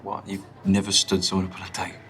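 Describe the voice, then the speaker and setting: A young man with a British accent playing a shy, awkward date in a live-action dating game, talking haltingly with many fillers. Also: sits low, monotone, a little hiss or hum. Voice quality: hesitant, halting, full of fillers. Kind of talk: naturalistic game acting. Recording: soft game music behind.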